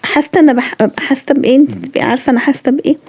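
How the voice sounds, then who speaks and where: A woman's voice: high-pitched, rapid-fire, creaky, a little mellow, slightly rough. A young woman with an Egyptian accent, talking earnestly to her viewers and scolding them directly. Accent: Egyptian Arabic. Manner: earnest, reproachful, lecturing listeners directly. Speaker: vlogger. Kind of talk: heartfelt talk to camera.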